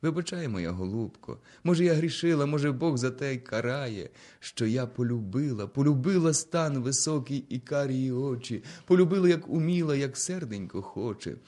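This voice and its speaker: A man voicing a frightened young orphan woman who speaks in a soft, plaintive, hushed way. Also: mid-range voice, animated, normal speed, few pauses, pitched above the performer's own voice, lightly acted. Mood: grieving.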